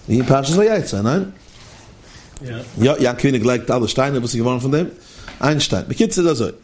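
A man giving a sermon in a lively, questioning, sing-song manner. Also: mid-range voice, brisk. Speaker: religious teacher. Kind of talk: sermon to listeners.

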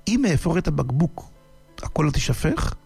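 A man voicing a clumsy, cheerful male stage magician who keeps getting flustered, with a gravelly voice. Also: fairly high pitch, sing-song, a little mellow, no echo, faint music behind, full character voice. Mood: upbeat. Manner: flustered, fussy exclamations.

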